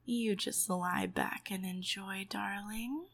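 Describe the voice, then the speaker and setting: A woman performing an ASMR role-play in a sultry, doting, breathy voice. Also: medium pitch, fairly even intonation, fairly bright tone. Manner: sultry, slow, doting narrator.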